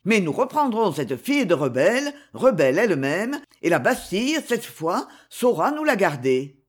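Narrator playing a scheming court favourite, tense and urgent, lively swings, bit husky. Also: mid-range voice, normal speed. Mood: urgent, strained. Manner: caressing then strained and urgent. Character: Italian-born nobleman, scheming, tense favourite of a queen. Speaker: character in a read novel. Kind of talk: audiobook reading.

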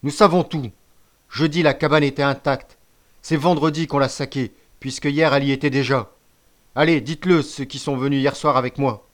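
A man's voice: mid-range voice, brisk, close to an everyday voice. Man doing a furious boy gang chief. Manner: shouting, commanding, threatening.

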